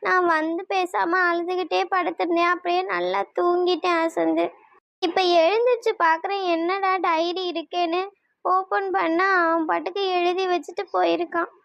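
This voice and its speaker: A woman's voice: very high-pitched, fairly even intonation, normal speed, vocal fry, fairly bright tone, no echo, heavily acted. A woman voicing a heartbroken young woman in a cartoon, talking in a tearful, pleading way.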